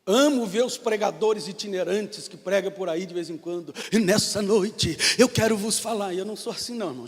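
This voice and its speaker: A Brazilian man preaching an impassioned sermon as pastor, rising to shouts, in a reverberant church. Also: sits high. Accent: Brazilian Portuguese.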